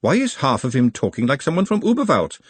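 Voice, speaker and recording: A man voicing a sharp, worried young woman who is wary and quick to object. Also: medium pitch, big pitch swings, husky, no echo, voice pushed up.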